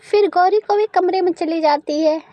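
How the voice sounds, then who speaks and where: A woman narrates a children's cartoon tale in a plain, even storytelling manner. Her voice is very high, and the recording is close and dry. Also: normal speed, dry recording, lo-fi sound.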